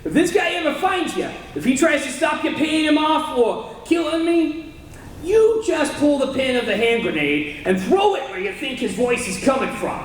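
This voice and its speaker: An actor in a 1930s radio drama portrays a scheming, tense condemned killer using gangster slang, his very high voice moving through big pitch swings at a moderate pace. The old recording is echoey and distant, with slight background noise.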